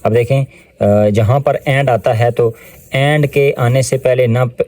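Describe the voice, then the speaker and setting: A male English tutor with a Pakistani Urdu accent works through test questions in a mellow, low-key voice. His sentence readings come slow and deliberate, with pauses between his explanations. The sound is close and dry. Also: steady tone, no echo. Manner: explains step by step with frequent fillers. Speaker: English teacher. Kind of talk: test-prep lesson explaining answers.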